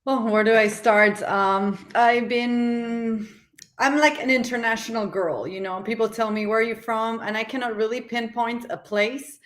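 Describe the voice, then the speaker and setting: A woman from Argentina, a guest in a podcast interview, talking in a relaxed, rambling way with many fillers. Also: on the high side, moderate pace. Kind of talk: casual interview chat.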